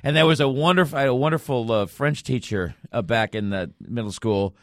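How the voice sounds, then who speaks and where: A man's voice: mid-range voice, brisk, no room sound, studio quality. An older man in casual podcast chat, telling anecdotes with frequent chuckles and restarted sentences. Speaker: podcast co-host.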